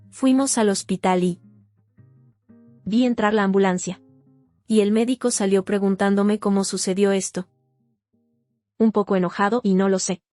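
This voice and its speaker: A woman narrates a personal testimony in first person, her delivery steady and sober. Her voice sits at an ordinary middle pitch with a soft, mellow warmth. A faint plucked guitar plays underneath. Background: faint guitar music.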